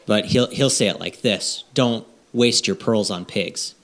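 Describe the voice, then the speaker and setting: A man talking through a point in a conversational sermon, relaxed and explanatory, with repeated words. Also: lowish voice, a little slow.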